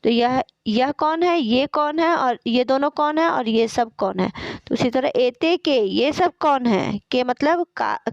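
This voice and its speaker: Slow, patient woman teaching a lesson. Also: high-pitched, expressive, vocal fry, no echo. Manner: patient, repeats words and their meanings, reads Sanskrit then explains. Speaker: Sanskrit teacher. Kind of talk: explaining a school textbook lesson. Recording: dull lo-fi recording.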